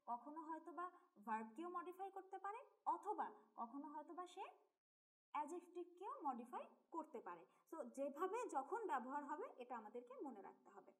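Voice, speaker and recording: A young woman with a high, light voice teaches English grammar in a Bangladeshi Bengali accent. She explains each point step by step and talks straight to her students. She drops English grammar terms into her Bengali as she goes. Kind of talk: explanatory online lesson.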